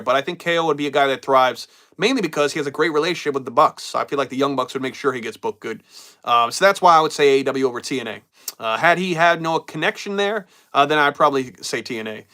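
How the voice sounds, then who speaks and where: Here the wrestling stream host sounds mid-range, bright and forceful. Recovering from a cold, he chats loosely and reads out viewer comments, circling back on things and drifting off mid-thought.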